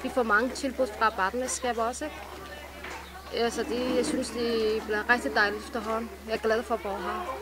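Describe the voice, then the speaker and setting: Cheerful woman over loud outdoor noise. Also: a little high, flat delivery. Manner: cheerful, repeats "altså" as filler. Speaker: resident, mother. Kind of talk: vox pop interview. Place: outdoors by a yellow house.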